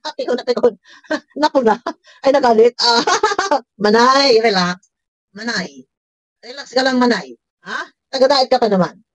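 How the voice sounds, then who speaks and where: Woman reaction vlogger, high voice, sarcastic, laughs between jabs. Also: a little slow, dry recording. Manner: scolding, sarcastic, laughs often. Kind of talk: reaction commentary.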